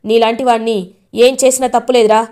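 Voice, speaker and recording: Woman reading a stern older father, indignant and loud, fairly high voice. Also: level tone, quick pace, lightly acted. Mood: outraged. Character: outraged older father figure.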